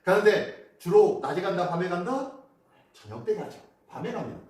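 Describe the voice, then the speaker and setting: Male pastor, sermon, animated questioning delivery, booming church echo, mic at a distance. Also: moderate pace. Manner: animated, asks the congregation questions. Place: church sanctuary.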